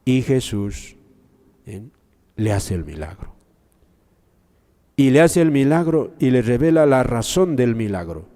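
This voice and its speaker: A man commenting on the Gospel in a sermon style, speaking slowly and reflectively with many pauses and fillers, and often addressing his listeners directly. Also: medium pitch, sing-song, mellow, long reverb tail.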